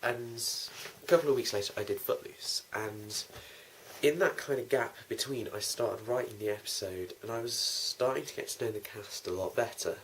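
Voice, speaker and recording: Rambling informally as he hosts a behind-the-scenes vlog, this young man is also the writer and producer of a fan audio drama. His mid-range voice moves at a moderate pace over a noisy, clicky amateur recording.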